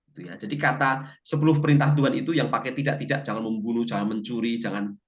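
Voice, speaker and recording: This Bible language teacher is a man who talks fast at a medium pitch, in audio with the highs cut off. He tells stories with jokes in a lively way and asks his class questions.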